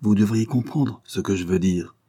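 A man's voice: fairly low pitch, moderate pace, dark tone, husky. A man doing a cunning detective playing dumb. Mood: urgent. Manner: falsely naive, then urgent and conspiratorial. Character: cunning male detective feigning naive impatience.

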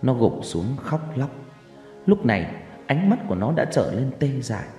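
A male storyteller reads a horror tale with a lively, swinging delivery. His pitch rises and falls widely through every line. His voice rings with long reverb, and faint music plays beneath it. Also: normal speed. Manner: expressive, with wide pitch swings. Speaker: audiobook narrator. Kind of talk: dramatic horror story narration.

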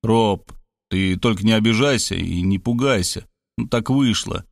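A man's voice: lowish voice, creaky, dry recording, clean studio sound. Man voicing a rambling, sheepish old friend. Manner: muttering quickly, pleading.

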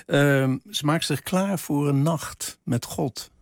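Brief: male radio host, gravelly voice, chatty questioning style, dry booth sound. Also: fairly high pitch, slow, no room sound. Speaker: radio interviewer. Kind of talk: radio interview.

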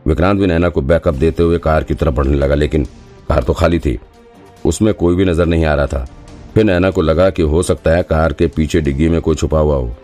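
A man's voice: a bass voice, fairly quick, mellow, soft background music. A man narrating a thriller audiobook in a dramatic storytelling manner. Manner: dramatic storytelling, voices all characters himself. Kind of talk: scripted narration.

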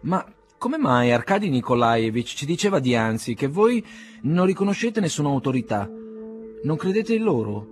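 A man reading as a haughty aristocratic older gentleman. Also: on the high side, sing-song, normal speed, soft background music, voice pushed up. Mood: cold, haughty. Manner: icy, mannered courtesy.

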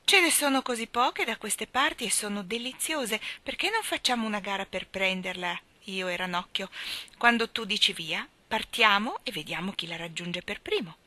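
A woman's voice: mid-range voice, moderate pace, bright, forceful tone, lightly acted. A woman voicing a toothy, chatty female dolphin who talks in a gushing, sing-song way in a storybook reading.

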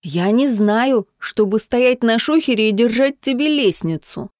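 A woman's voice: on the high side, expressive, unhurried, dry recording, studio quality. A woman voicing a nervous young man who keeps watch and begs his friend to run. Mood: anxious. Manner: anxious, pleading, urgent.

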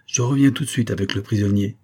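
A man's voice: fairly low pitch, fast, dark tone, husky. Man voicing a mocking, cruel militia quartermaster. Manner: taunting, commanding.

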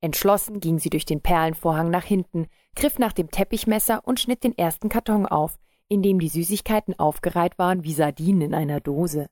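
A woman narrating a story in a calm, measured reading. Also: fairly low pitch, dry recording, studio quality. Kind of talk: scripted audiobook narration.

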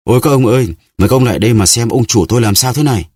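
A man's voice: mid-range voice, very fast, breathy edge, dry recording, studio quality, pitched above the performer's own voice, natural voice. A man reading an audiobook, voicing an alarmed young male servant who cries out for help. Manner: excited, crying out.

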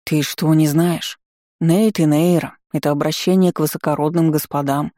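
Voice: medium pitch, steady tone, moderate pace, mellow, dry recording, studio quality, lightly acted. A narrator voicing an eager, loyal young boy companion who talks in an earnest way. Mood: explaining.

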